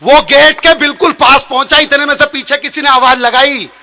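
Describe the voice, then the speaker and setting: High, bright-voiced man telling a comic story. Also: normal speed. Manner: animated storytelling, shouting punchlines. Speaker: comic poet. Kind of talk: stand-up poetry performance. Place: live stage show.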